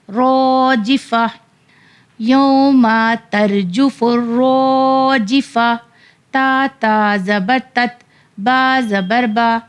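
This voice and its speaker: Woman, Quran reading teacher, high voice, unhurried sounding-out drills alternating with quick explanations. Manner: spells letters and vowels out slowly, then explains rapidly. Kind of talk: slow syllable-by-syllable spelling drills between fast explanations.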